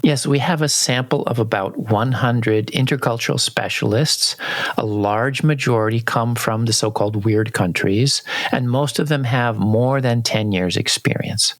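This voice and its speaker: A man hosts a podcast conversation, his voice at a middle pitch. He explains ideas calmly and steadily. The recording is dry and close, with no room sound. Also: measured pace, no echo. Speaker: podcast host.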